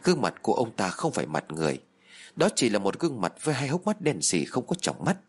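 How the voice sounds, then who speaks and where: Husky man narrating a horror story. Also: fairly low pitch, huge pitch swings, quick pace. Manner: tense, dramatic storytelling.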